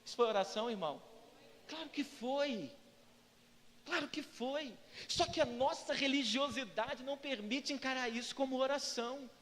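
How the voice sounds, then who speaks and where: A Brazilian-accented male pastor preaches in a strikingly high voice, acting out prayers and little dialogues as he goes. He keeps turning to the congregation for answers. His voice rings out with the long reverb of a church hall. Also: moderate pace. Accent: Brazilian Portuguese. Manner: lively preacher who acts out prayers and dialogues; asks the congregation for responses. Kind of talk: sermon. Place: church sanctuary.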